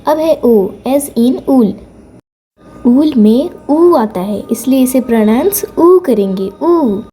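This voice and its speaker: Woman, tutorial host; slow, patient delivery, soft mellow tone, light background noise. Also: high-pitched, expressive. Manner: patient, repeats sounds slowly to demonstrate. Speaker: language teacher on her own channel. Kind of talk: slow explanatory lesson, mixing Hindi and English.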